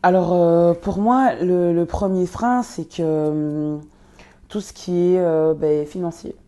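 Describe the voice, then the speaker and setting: Young woman, low mellow voice, lots of hesitating fillers. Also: steady tone, slow pace. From Congo. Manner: hesitant, many fillers and restarts. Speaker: guest, nonprofit co-founder. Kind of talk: interview answers.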